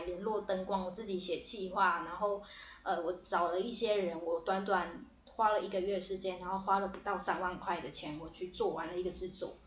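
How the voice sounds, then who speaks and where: A young woman, a theater director and podcast guest, telling a story in a lively, casual way and cursing now and then. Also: medium pitch, a little hiss or hum. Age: young adult. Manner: lively storyteller, swears casually, repeats "对对对". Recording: roomy echo.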